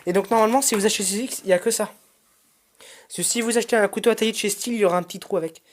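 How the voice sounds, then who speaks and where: A man's voice: high voice, steady tone, rapid-fire. A man hosting a casual product review vlog, chatty and informal, rambling with frequent hesitations and restarts. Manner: addresses viewers as "guys", frank and informal. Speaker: channel host reviewing his brush cutter.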